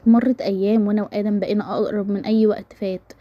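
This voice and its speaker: A woman with an Egyptian accent reading a romance story aloud in a brisk, steady first-person narration. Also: medium pitch, lo-fi sound. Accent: Egyptian Arabic.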